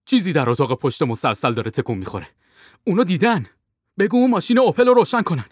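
A man's voice: mid-range voice, lively intonation, slightly rough, no echo, studio quality. A man voicing a cool male secret agent who gives clipped, urgent orders in an audiobook.

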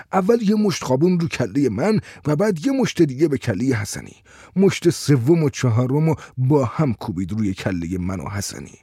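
A man narrating a story in a steady, tense storyteller's voice. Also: on the high side, breathy edge, dry recording, studio quality.

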